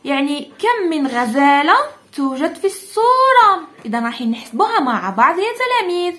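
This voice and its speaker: A woman with an Algerian Arabic accent teaching pupils a French textbook exercise, saying the French slowly and explaining it more quickly. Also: high-pitched, very animated, pushed and bright. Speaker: primary school teacher.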